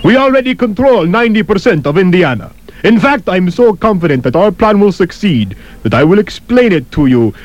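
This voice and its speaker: An actor playing a smug, gloating villain leader in a comedy radio play. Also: male voice, high voice, sing-song, brisk, no echo. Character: sinister male corn villain leader, smug and menacing.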